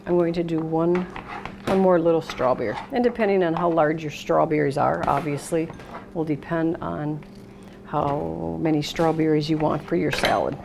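A middle-aged American woman hosts a casual cooking demonstration at a steel worktop in an indoor kitchen, talking unhurriedly through each step as she works. Her voice sits low, with vocal fry, at a normal speed. Clattering dishes and noisy kitchen room sound fill the recording.

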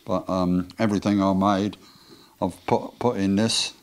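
Older Norfolk man, low and plain-spoken. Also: fairly even intonation, unhurried. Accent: Norfolk English. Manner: brief, plain-spoken, dialect grammar. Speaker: motorcycle engine builder. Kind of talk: casual workshop interview. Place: indoor motorcycle workshop. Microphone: handheld microphone with windscreen.

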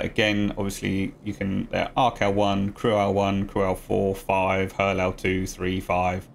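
A man talking viewers through a video game tutorial step by step, in a relaxed, casual voice-over. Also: low-pitched, gravelly, slight background noise. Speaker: gaming guide creator.

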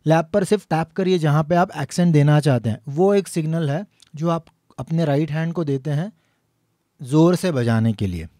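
A man teaching piano, explaining each step patiently and slowly singing the note names as he plays. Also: a little high, warm tone, no echo. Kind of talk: instructional lesson.

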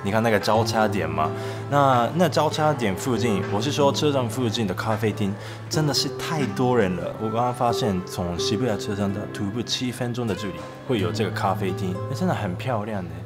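A man's voice: on the low side, a little fast, few pauses. Young Japanese-accented man vlogging over music. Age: young adult. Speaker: travel and food vlogger. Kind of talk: casual vlog chat.

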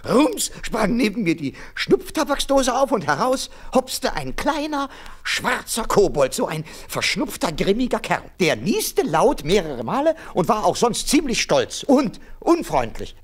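An actor playing a steadfast, lovesick tin soldier who narrates his own story in a radio play, earnestly and gently. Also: sits high, big pitch swings, a little slow, full character voice. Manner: earnest, gentle, proud, sometimes whispering.

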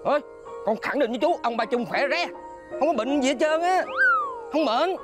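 An actor playing a cheeky, excitable young male adviser with a Southern Vietnamese accent in a comedy sketch, fond of flattery and exclamations. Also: very high-pitched, moderate pace. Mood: exclaiming. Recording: music playing behind the voice.

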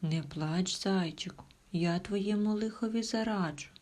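A big, gruff bear, as a woman storyteller puts him on, boasting and roaring his orders. The husky, breathy voice stays close to the storyteller's own, in a children's storybook reading. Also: medium pitch, unhurried, darkish tone, natural voice.

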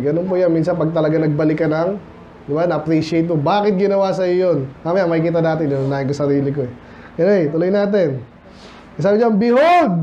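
High-voiced Filipino preacher, lo-fi. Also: male voice, mellow. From Philippines. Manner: conversational, often calls out for amens from the congregation; mixes English phrases into his talk. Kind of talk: midweek Bible study sermon. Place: church hall. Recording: dull lo-fi church recording with faint noise.

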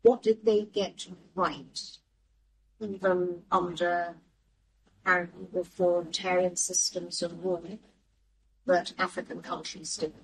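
A woman's voice: on the low side, steady tone, slow, husky, poor audio. A young woman hosting a studio interview, asking long, articulate questions. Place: TV studio, seated in armchair.

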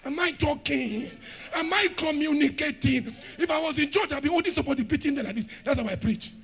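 A man with a Nigerian accent preaching a sermon, shouting at times and dropping to low asides. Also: fairly quick, gravelly. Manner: rugged preaching style. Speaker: pastor.

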